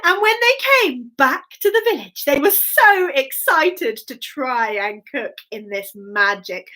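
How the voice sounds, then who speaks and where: The woman's voice sits high as she shares an interactive bedtime story with small children. She encourages them warmly and expressively, pausing dramatically and letting her phrasing turn sing-song.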